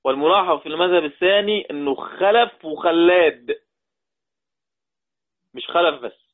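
An Egyptian man gives a lesson, going back over each point and checking that his students follow. His voice sits a little high for a man. The sound is thin and narrow, like a phone line. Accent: Egyptian Arabic. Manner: repeats points slowly, quizzes the class. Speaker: Quran recitation teacher. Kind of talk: classroom lesson. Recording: tinny phone-like audio.

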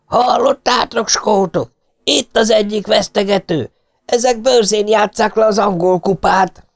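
Man playing an old bearded football fan, high and strained, shouting in an audiobook. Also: animated, vocal fry. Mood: furious. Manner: shouting, agitated.

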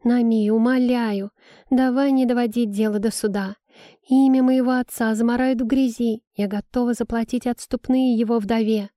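Woman narrator playing weepy, wheedling young daughter; high, whiny, pleading. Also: fairly even intonation, moderate pace, mellow, no echo, clean studio sound, natural voice.

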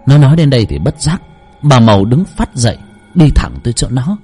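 Husky dark-voiced horror storyteller, man. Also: big pitch swings, brisk, soft background music. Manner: dramatic, sweeping pitch swings.

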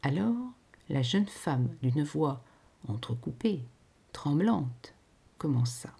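A woman reading a classic short story aloud in an expressive, varied storytelling manner. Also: deep voice, takes it slowly, vocal fry, slightly rough. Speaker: narrator. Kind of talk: literary reading.

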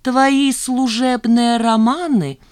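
Haughty cold accountant lady, voiced by a woman reader, cutting and unhurried, dry close sound. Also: a little high, sing-song, darkish tone, no echo, voice pushed up. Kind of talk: audiobook character voice.

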